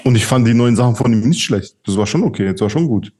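A man's voice: mid-range voice, fast talker, dark tone, breathy edge. A man co-hosting a casual rap podcast, talking in an easygoing, agreeable way with many fillers. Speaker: podcast co-host.

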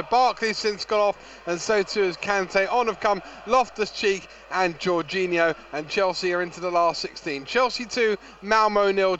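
A man's voice: sits high, fairly bright tone. A man reporting a live football score update from a stadium. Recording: dull outside-broadcast line, faint background noise.

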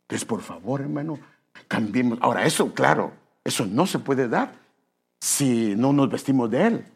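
A man's voice: medium pitch, lively intonation, normal speed, creaky, husky. A man preaching a sermon, chatty, asking his listeners questions and calling them brother. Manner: conversational, addresses listeners as brother, asks questions.

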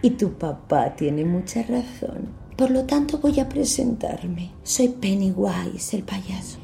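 A woman voicing a sinister, sweet-talking male clown monster in a storybook reading, with slow, coaxing whispers. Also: medium pitch, expressive, creaky, warm tone, slight background noise, voice pushed up, heavily acted.

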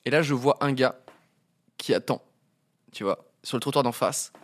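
A man's voice: medium pitch, normal speed. A young man co-hosting a live stream, telling a story with hesitations and some teasing. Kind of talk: casual chat, telling anecdotes.

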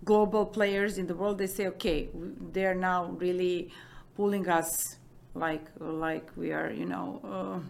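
Low, gravelly woman. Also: steady tone, unhurried. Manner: hesitant, many fillers and restarts. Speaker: business executive guest. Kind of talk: conversational interview answers.

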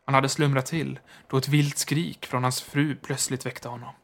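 A male narrator reads a horror story aloud in measured, hushed tones. His pitch sits at an average level and his delivery stays steady and subdued. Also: gravelly.

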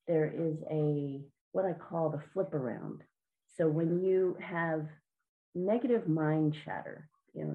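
A woman with a fairly low, mellow voice gives an interview about helping children with their mindset. She speaks earnestly and encouragingly, sometimes repeating a word as she goes. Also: creaky, low-quality recording. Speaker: guest, children's mindset coach. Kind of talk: interview answers.

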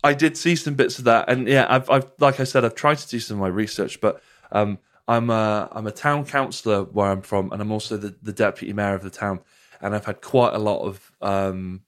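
Podcast host, British man, lowish voice, casual conversational delivery. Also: fairly even intonation, a little fast.

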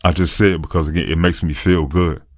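A man's voice: low voice, steady tone, fast, no room sound, clean studio sound. A man talking through a reflective, earnest podcast monologue, repeating phrases for emphasis. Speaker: podcaster and aspiring motivational speaker.

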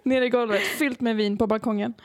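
A woman's voice: on the high side, steady tone. A young woman podcast host, amused, recapping a story in a casual chat with punchy sound effects.

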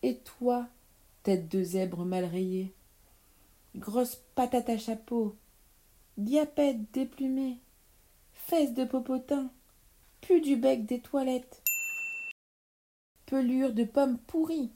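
A woman's voice: mid-range voice, expressive, unhurried, warm tone, lightly acted. A woman voicing a squabbling storybook witch. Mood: insulting. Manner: cackling, insult-hurling, theatrical. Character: two squabbling old witches, nasty and boastful. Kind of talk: storybook reading for children.

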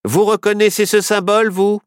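A man's voice: high voice, little pitch movement, moderate pace, dry recording, clean studio sound, pitched above the performer's own voice, close to an everyday voice. A man voicing a stubborn, suspicious Wild West sheriff in a storybook reading, with a blunt, certain manner. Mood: gruff.

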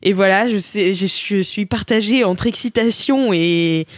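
A woman's voice: mid-range voice, moderate pace, no room sound, studio quality. A young adult woman in casual podcast chat, slangy and somewhat hesitant. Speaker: podcast panelist.

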